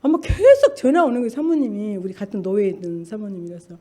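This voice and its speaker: A woman's voice: mid-range voice, big pitch swings, fast, warm tone. An older woman, a church deaconess, telling her spiritual testimony in an earnest, fervent way and urging her listeners on. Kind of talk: emotional spoken testimony.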